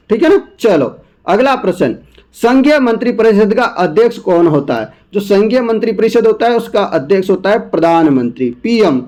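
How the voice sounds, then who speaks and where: High-voiced man running an exam prep lesson. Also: a little mellow. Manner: chatty, repeats answers, coaxing asides to viewers. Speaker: exam coaching teacher. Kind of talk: exam question walkthrough lesson.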